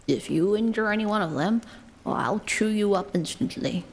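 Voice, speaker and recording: A woman voicing a stern, gruff old horse in a low, gravelly, threatening way, as a whispered role-play in a storybook reading. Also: moderate pace.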